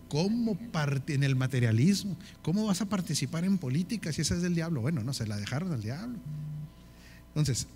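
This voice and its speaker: A man's voice: on the high side, darkish tone. A man with a northern Mexican accent teaching a leadership course in sermon style, often checking with the audience and listing in repeated phrases. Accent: northern Mexican Spanish.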